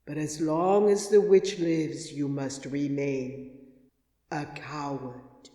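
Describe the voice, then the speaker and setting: A woman reading an audiobook, voicing a mysterious male wizard spirit who speaks slowly and solemnly. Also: deep voice, fairly even intonation, dark tone, reverberant, big-room sound, voice pushed down. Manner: slow, solemn and commanding.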